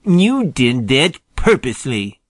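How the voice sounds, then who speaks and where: Male reader as a furious storybook skunk, snappish and accusing, pitch leaping around, dry close sound. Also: sing-song, slow, no echo. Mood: angry. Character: angry grudging male skunk.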